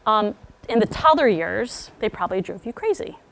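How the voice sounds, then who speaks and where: A woman's voice: mid-range voice, lively intonation, normal speed, vocal fry, a bit bright. A middle-aged woman speaking candidly to a group of parents, talking in a chatty, conversational way that drops to near whispers for asides. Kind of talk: parent talk to a live group.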